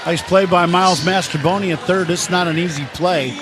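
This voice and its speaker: A high-voiced American man talks a little fast with fairly even intonation, giving color commentary on a live baseball radio broadcast. He explains the action conversationally over ballpark crowd noise, with music in the background too.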